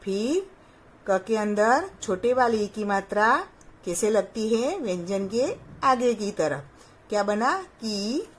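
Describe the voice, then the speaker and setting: A woman's voice: mid-range voice, animated, slow pace, slight background noise. A woman teacher giving a patient phonics lesson to young children, sounding out each syllable and asking them questions. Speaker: primary school teacher.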